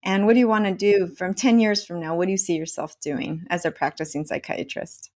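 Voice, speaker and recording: A woman's voice: lowish voice, fairly even intonation, fairly quick, darkish tone. A woman hosting an interview podcast, asking curious follow-up questions.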